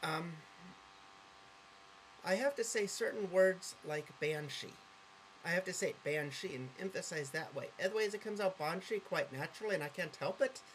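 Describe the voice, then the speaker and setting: A woman's voice: on the low side, normal speed, a little hiss or hum, rough recording. A woman talking casually to camera in a vlog monologue. She rambles, corrects herself often and gets sidetracked, with an earnest, openly affectionate manner. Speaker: vlogger.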